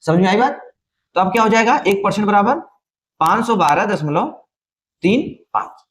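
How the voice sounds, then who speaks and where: A man's voice: high-pitched, expressive, normal speed, fairly bright tone. A man teaching an exam-prep maths lesson, often asking a question and then answering it himself. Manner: repetitive, asks and answers own questions.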